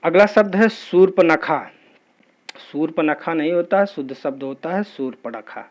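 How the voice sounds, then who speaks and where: A man leads an exam-prep spelling lesson, going through each word in a steady, patient rhythm. His voice sits a little high for a man, and he drills the class in a methodical, even way. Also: moderate pace. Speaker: teacher.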